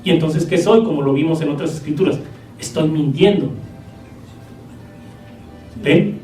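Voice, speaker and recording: A man's voice: fairly high pitch, unhurried, dark tone, reverberant, distant mic, faint music behind, rough recording. A man preaching a sermon to a congregation in a church, teaching in a conversational way and often checking in with his listeners. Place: church hall.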